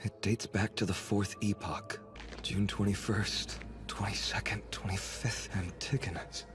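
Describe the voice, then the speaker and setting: A studious young man in an anime dub, voiced by a man, musing intently as he reads aloud. His voice is deep and absorbed, with music clearly audible behind it. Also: fairly even intonation, unhurried, close to an everyday voice. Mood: intrigued, absorbed.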